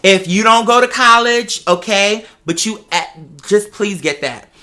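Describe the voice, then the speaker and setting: An American adult talk show host chats casually and tells personal stories, speaking with emphasis and repeating phrases to stress them. The voice is medium-pitched, bright and forceful, and moves a little slowly.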